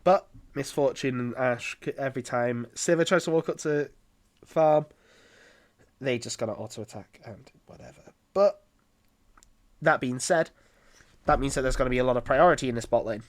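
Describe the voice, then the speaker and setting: A man's voice: mid-range voice, moderate pace, long pauses. A man casting a live esports match solo on his own streaming mic, chatty and rambling with lots of fillers. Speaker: esports caster. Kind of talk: live game commentary.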